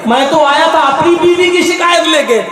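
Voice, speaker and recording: An exasperated, henpecked husband, put on by a preacher airs his grievances in a high, raised voice. The sound echoes heavily around a large hall, with the mic far away. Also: moderate pace, a little hiss or hum. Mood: astonished. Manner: excited, shouted grievances.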